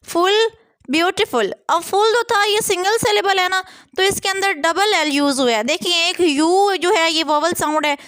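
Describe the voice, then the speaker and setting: A woman teaching an English lesson. She reads each rule slowly, then explains it quickly. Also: very high voice, sharp tone, no room sound.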